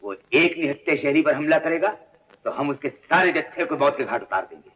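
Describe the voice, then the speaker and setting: An actor playing a boastful police superintendent who gives commands in an old film melodrama. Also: male voice, fairly high pitch, animated, a little fast, a little hiss or hum, natural voice. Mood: stern. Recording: dull old film soundtrack with faint music.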